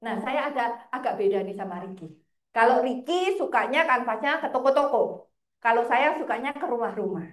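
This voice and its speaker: A woman, a financial planner telling lively stories in a casual interview, often laughing. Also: a little high, fast. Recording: roomy echo.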